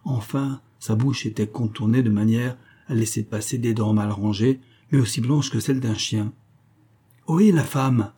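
Male audiobook narrator, measured and steady, mellow dark timbre. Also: on the low side, breathy edge.

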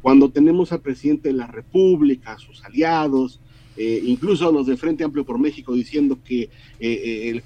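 Earnest Mexican commentator on a dull line. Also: male voice, mid-range voice, warm tone. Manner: earnest, repeats words while building his point. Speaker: weekly political commentator. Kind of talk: radio interview commentary.

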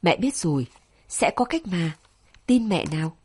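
A woman's voice: fairly low pitch, sing-song, measured pace, a little mellow, breathy edge, no echo, heavily acted. A woman voicing a tender, worried mother who soothes and pleads with her daughter, in a storybook reading. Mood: soothing.

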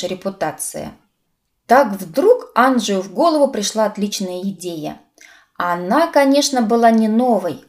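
A woman narrating an audiobook in a lively, expressive reading. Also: medium pitch.

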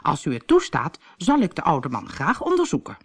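A woman's voice: sits low, huge pitch swings, moderate pace, slightly rough, full character voice. A woman voicing a cheeky young man who poses as a pompous doctor in a storybook, mock-solemn and hesitant.

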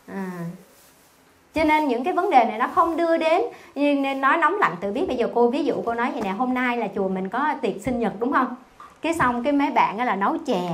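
High-voiced nun giving a Dharma talk. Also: female voice. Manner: conversational, asks the audience questions often; slow gentle chanting when reciting scripture. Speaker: Buddhist nun teaching. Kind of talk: Dharma talk to a temple audience.

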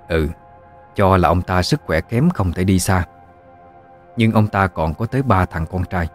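A man narrating a ghost story in a low, measured voice. He tells it steadily, with quiet music playing behind him.

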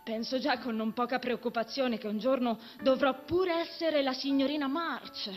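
A woman's voice: high voice, slow pace, soft background music. A woman voicing a fiery, tomboyish teenage girl who talks in an impassioned, outspoken way. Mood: indignant.

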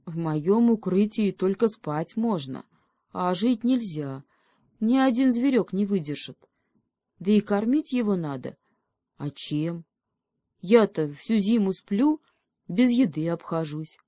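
A woman's voice: mid-range voice, lively intonation, slow, dark tone, dry recording, clean studio sound. A woman voicing a sensible, fretting male hedgehog who reasons things through aloud. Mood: explaining. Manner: thoughtful, reasoning, sighing.

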